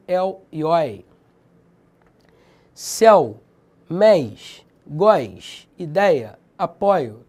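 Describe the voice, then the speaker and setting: This high-pitched man, whose accent is Brazilian Portuguese, gives a spirited, slangy grammar lesson on video, stressing each example word as he drills it.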